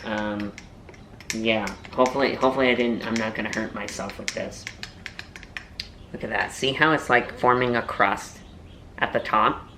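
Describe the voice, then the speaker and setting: A man's voice: fairly low pitch, steady tone, moderate pace, long pauses, noisy background. A young man and voiceover artist chatting casually to camera in a food-tasting vlog. He rambles and cracks playful self-mocking jokes. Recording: roomy echo.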